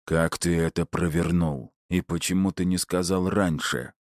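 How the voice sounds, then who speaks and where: A man voicing a grim, commanding gang boss who speaks slowly and heavily. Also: low voice, fairly even intonation, no room sound, studio quality. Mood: grudging. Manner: slow, heavy, barking delivery.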